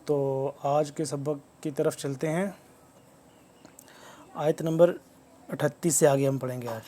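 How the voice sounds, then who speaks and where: A man with a Pakistani Urdu accent, teaching a slow tajweed lesson: he chants the verses in a drawn-out, melodic way, then spells out the letters and explains the rules calmly. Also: on the high side. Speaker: Quran recitation teacher.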